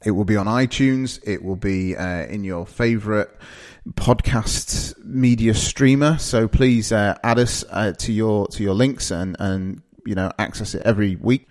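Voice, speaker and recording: Speaking at a measured pace, this northern English man in his thirties introduces his podcast casually, often using fillers and starting over. He's from northeast England and hosts the show. His pitch is fairly low and his tone a little mellow.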